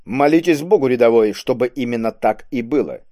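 A man voicing a stern, commanding male police inspector in an audiobook, gruff and scolding. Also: medium pitch, expressive, fairly quick, warm tone, no room sound, clean studio sound, natural voice. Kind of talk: audiobook character voice.

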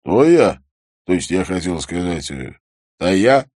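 A man's voice: deep voice, very animated, takes it slowly, a little mellow, breathy edge, no room sound, clean studio sound, exaggerated voice. A man voicing a terse, reserved police detective.

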